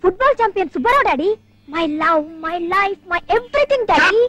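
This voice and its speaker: A woman's voice: very high-pitched, animated, moderate pace, fairly bright tone, no room sound, soft background music. An actress playing a flighty young college woman who mixes English into her talk in a playful way. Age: young adult. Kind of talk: 1970s Telugu film acting.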